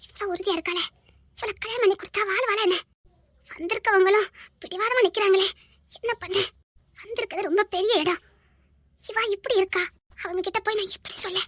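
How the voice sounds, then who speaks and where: A performer voicing a stern, sharp-tongued mother in a homemade family drama, with a Tirunelveli accent. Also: very high voice, lively intonation, fast talker, no room sound, clean studio sound, full character voice. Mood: worried muttering. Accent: Tirunelveli Tamil. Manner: harsh, commanding, sharp-tongued. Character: stern scolding middle-aged mother.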